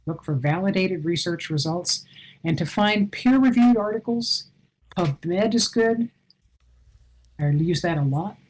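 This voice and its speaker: A woman's voice: on the low side, animated, a little slow, a little mellow, poor audio. An older woman giving an online conference talk, earnest and advising, with self-deprecating asides, heard over a video call. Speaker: conference presenter.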